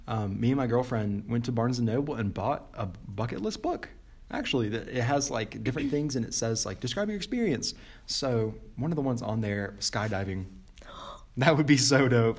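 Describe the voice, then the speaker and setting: A man's voice: medium pitch, expressive, moderate pace, creaky, breathy edge. A young Southern man from Mississippi co-hosting a podcast, loose and joking, often breaking into laughter. His voice sits mid-range for a man. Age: young adult. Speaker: podcast co-host. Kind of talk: casual chat.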